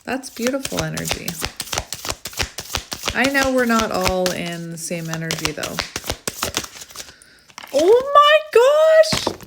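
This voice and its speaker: A woman's voice: fairly low pitch, lively intonation, unhurried, vocal fry, long pauses, heavy background noise. A woman with a slight lisp from wearing a retainer, doing a casual, chatty card reading in an effusive, giggly manner. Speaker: tarot reader hosting a card reading.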